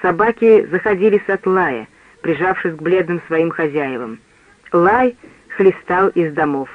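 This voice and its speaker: A man narrating a novel as an audiobook in a steady storytelling reading. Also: sits high, unhurried, dry recording. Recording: tinny phone-like dry sound.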